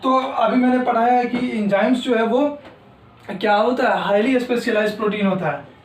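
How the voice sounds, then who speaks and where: A man lectures from some distance away in a room that echoes around his voice. His voice sits high for a man. He talks straight to his students and repeats each key term as he writes it on the board. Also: moderate pace, soft background music. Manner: talks to students directly, repeats key terms while writing. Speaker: teacher. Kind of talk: exam-prep lecture.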